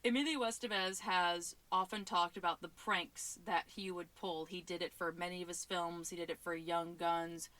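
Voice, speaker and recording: A woman's voice: on the low side, steady tone, normal speed, hardly any pauses, a bit bright, no echo. A woman hosting a podcast, chatting casually about a movie, enthusiastic and often laughing. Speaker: podcast host. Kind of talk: casual movie review monologue.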